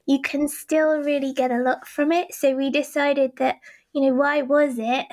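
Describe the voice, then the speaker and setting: High-voiced woman in her forties. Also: little pitch movement, normal speed, a little mellow. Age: 40s. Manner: earnest, reflective, laughs lightly. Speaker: boxing club co-founder. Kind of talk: conversational interview answers.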